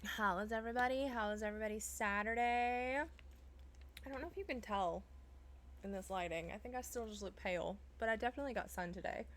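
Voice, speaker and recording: Bright-voiced woman chatting on stream. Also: medium pitch, fairly quick. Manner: chatty, self-deprecating, laughs often. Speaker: live streamer. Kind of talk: casual live-stream chat.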